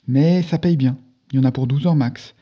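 A man voicing a gruff, pressed male boss who talks in a brisk and insistent way. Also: medium pitch, dull audio, natural voice.

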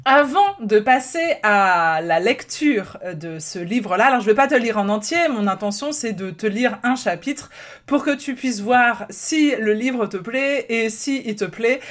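A woman's voice: a little high, animated, unhurried. A woman hosting a casual personal-development podcast, chatty, laughing often, with many fillers and restarts. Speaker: podcast host.

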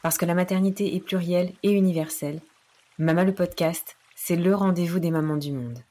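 A woman in her thirties hosting a podcast interview. Her voice sits slightly low, and she talks with many hesitations and small laughs. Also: brisk. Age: 30s. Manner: hesitant, warm thanks with frequent laughs and fillers. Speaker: podcast host.

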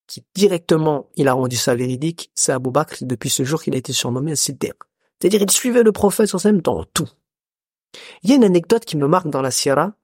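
A man teaching a religious lecture, telling stories with animated, dramatic delivery. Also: slightly rough, dry recording, clean studio sound. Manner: animated storytelling, dramatic pitch swings. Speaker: Islamic teacher.

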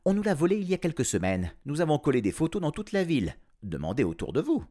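A man's voice: on the high side, huge pitch swings, dark tone, pitched above the performer's own voice. A man voicing a breathless, determined mother who speaks in a hurry. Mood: urgent. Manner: breathless and hurried.

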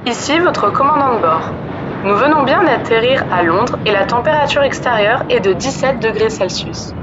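A woman's voice: fairly high pitch, lively intonation, normal speed, noisy background. A woman podcast host voicing an airline captain making a formal cabin announcement over a headset, with dull lo-fi sound. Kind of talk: scripted outro.

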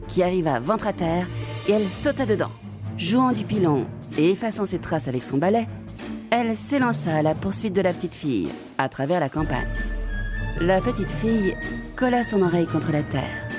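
A woman narrating a children's fairy tale in an expressive, measured way. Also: on the low side, music in the background. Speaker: storyteller.

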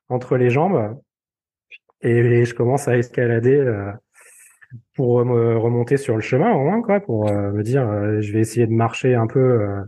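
A man tells a story in a relaxed podcast chat and keeps stumbling over fillers and repeated words. His voice sounds mellow and dark, at a middle pitch. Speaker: podcast guest. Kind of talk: casual storytelling.

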